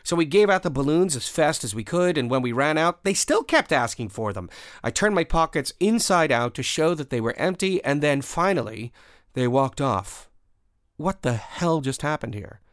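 A man hosting a radio show, telling a first-person story in a measured, expressive way and raising his voice at the tense moments. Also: fairly high pitch, no echo, studio quality.

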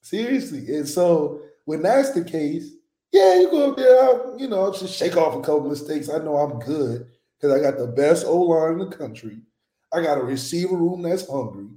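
Animated male sports co-host in a roomy space. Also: on the high side, normal speed. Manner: animated, loose and jokey, breaks into quoted voices. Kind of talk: casual sports talk. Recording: roomy echo.

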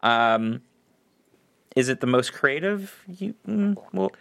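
A man's voice: on the high side, animated, slow pace, vocal fry, a bit bright, no room sound. A man co-hosting a podcast, talking in an easygoing, hedging way and laughing often. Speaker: podcast co-host. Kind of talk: casual chat.

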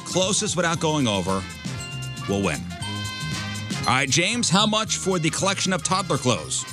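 A man's voice: fairly high pitch, sing-song, normal speed, over music. A man hosting a radio game segment like an announcer, repeating bids and drawing them out for suspense.

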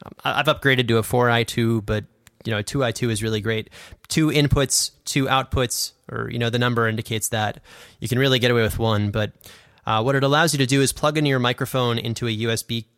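This podcast host, who also produces audio drama, talks fast in a steady, slightly bright medium-pitched voice, explaining things with casual enthusiasm and self-deprecation. Recorded dry and close on a condenser studio microphone, it plays like an informal how-to chat.

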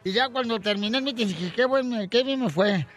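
A man's voice: very high-pitched, normal speed, a loud crowd. A man playing Casimiro, a boastful joking man who tells tall tales, in a mock-proud storytelling voice.

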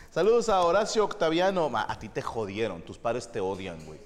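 Teasing man reading shout-outs. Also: medium pitch, huge pitch swings, normal speed. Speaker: podcast co-host. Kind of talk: joking casual chat. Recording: reverberant room.

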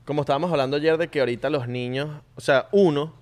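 A man from Venezuela with a Venezuelan Spanish accent, co-hosting a podcast in relaxed, chatty banter. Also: fairly high pitch, fast. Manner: relaxed, chatty, laughs along. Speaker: podcast co-host. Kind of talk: casual chat.

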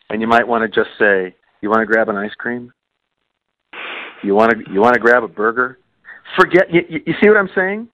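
A man on a podcast speaks earnestly and leans on repetition, saying key phrases again and again. His voice sits at an ordinary middle pitch. It is recorded dry and close with a slightly dull tone. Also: fairly bright tone, no room sound. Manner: earnest, repeats phrases for emphasis. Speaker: podcast co-host. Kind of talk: podcast conversation.

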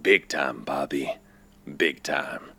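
A man leading a comedic group scene, deadpan and teasing, then reassuring. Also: extremely low pitch, takes it slowly, gravelly, husky.

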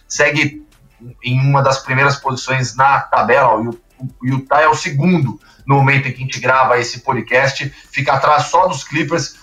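A man's voice: mid-range voice, bright, forceful tone, recorded from a distance. Guy hosting a hoops podcast, chatty, explains stuff, lots of "é", kinda roomy echo. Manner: explanatory, chatty, many fillers. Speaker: podcast host. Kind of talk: basketball podcast chat.

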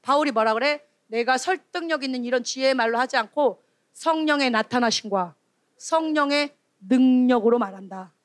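A female junior preacher giving a lively sermon to children and teens, asking the room questions and acting out scolding voices. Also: high voice, normal speed, no echo, clean studio sound. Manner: animated, calls out questions and acts out scolding voices. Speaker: junior preacher at a youth retreat.

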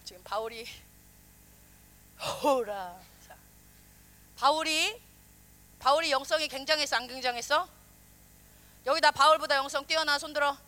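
A woman pastor preaching a sermon, animated, questioning the congregation and acting out quoted voices. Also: high-pitched.

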